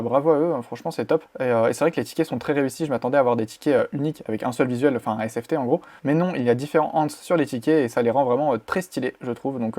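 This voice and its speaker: A man's voice: mid-range voice, darkish tone. A man presenting a casual news vlog in a chatty way, with plenty of fillers and restarts. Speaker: crypto YouTuber.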